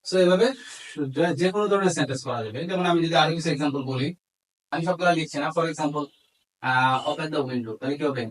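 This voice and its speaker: A Bangladeshi-accented male teacher delivers an instructional grammar lesson fast, in a fairly high voice, dictating English examples word by word and explaining them in Bengali. It's a rough recording.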